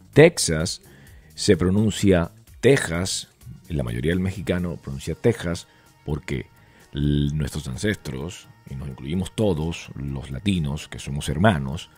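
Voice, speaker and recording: A male radio announcer giving a casual explainer, animated and full of rhetorical questions. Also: low voice, husky.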